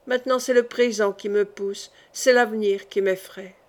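A woman voicing a dying, weary king who speaks softly and confidingly in an audiobook reading. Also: steady tone, normal speed, lightly acted. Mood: remorseful. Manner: soft, low-voiced confiding.

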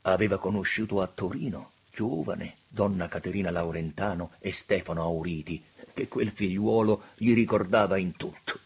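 A man narrating a literary audiobook in an expressive, theatrical reading. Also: sits low, moderate pace, few pauses, husky.

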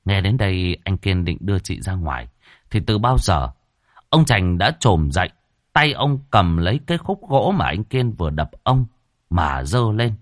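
A man's voice: sits low, very animated, normal speed, no echo, studio quality. A man telling a ghost story in scripted, dramatic narration.

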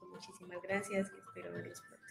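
A woman's voice: on the low side, flat delivery, fast talker, creaky, roomy sound, faint music behind. A 21-year-old woman giving a grateful video testimonial.

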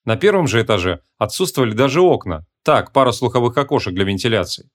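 A man narrating a humorous fantasy audiobook with a lively, expressive reading. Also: mid-range voice, fast.

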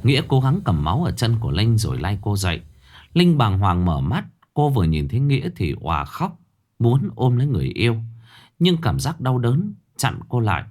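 A man narrating a horror story in a dramatic, expressive scripted style. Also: medium pitch, normal speed.

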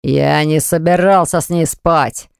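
Narrator doing a gloating scornful man, smooth clear voice, dry close sound, audiobook. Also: mid-range voice, normal speed, no room sound, lightly acted. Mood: shouting. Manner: gloating, sneering, shouting when pinned. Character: smug, scornful man, quick to rage.

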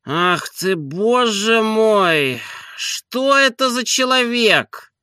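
Man doing a high whiny hoarse lazy master, cranky. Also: lively intonation, slow, pushed and bright, no room sound, clean studio sound, full character voice. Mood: irritable. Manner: whiny, petulant. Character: lazy, sleepy, irritable male landowner.

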